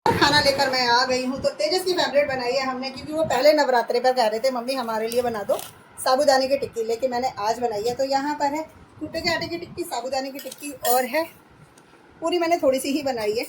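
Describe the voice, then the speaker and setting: A hoarse woman in her thirties chatting through a home vlog, describing her chores step by step. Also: high-pitched, noisy background. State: hoarse, voice going. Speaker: vlogger. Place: at home, indoors.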